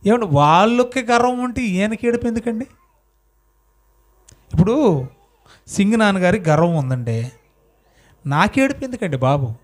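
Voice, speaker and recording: High-voiced man preaching a sermon. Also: lively intonation, moderate pace, pauses often. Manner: questions the congregation and has them answer aloud; dramatic storytelling, swings between loud and soft. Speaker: pastor.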